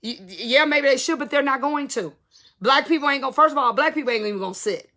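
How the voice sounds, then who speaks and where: A woman's voice: high voice, animated, fast, pushed and bright. A woman in her fifties, a salon business educator, talking candidly and emphatically to her viewers in casual slang. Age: 50s.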